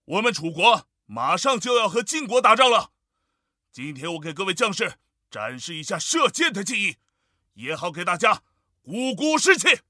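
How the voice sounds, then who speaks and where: A man voicing a bold, boastful army general in a children's story, speaking loudly and with authority. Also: high-pitched, very animated, moderate pace, no echo, studio quality, pitched above the performer's own voice, heavily acted. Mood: rousing. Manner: loud, proud, commanding.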